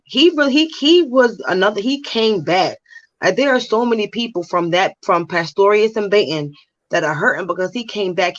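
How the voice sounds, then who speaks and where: A woman co-hosting a casual chat, chiming in with quick agreeing replies. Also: mid-range voice. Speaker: co-host. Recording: dull, lo-fi sound.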